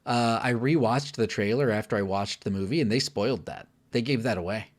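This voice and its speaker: Low-voiced man chatting about a movie. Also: fairly quick. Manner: chatty, candid, many fillers and restarts. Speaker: film reviewer co-host. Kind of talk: casual film review chat.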